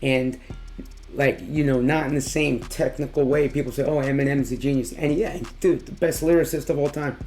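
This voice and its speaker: A man with a hoarse, tired voice giving a casual, excited music reaction in slangy, emphatic talk. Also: fairly high pitch. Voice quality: hoarse, worn-out voice from losing it. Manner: slangy, emphatic, drawn-out exclamations. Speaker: music reaction video host.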